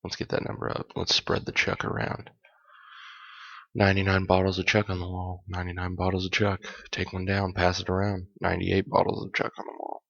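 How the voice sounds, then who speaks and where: Very low, gravelly and a little hoarse and worn, this man's voice carries a fairly bright tone as he talks a bit fast in a completely flat delivery through his solo podcast. He rambles casually, corrects himself and slips in light jokes. The audio is dull and lo-fi, like a basic home setup.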